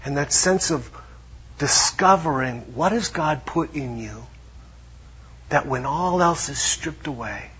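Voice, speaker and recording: A man preaching a sermon in a conversational way, dropping to hushed tones for emphasis. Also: on the high side, lively intonation, takes it slowly, slightly rough, highs cut off. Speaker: pastor.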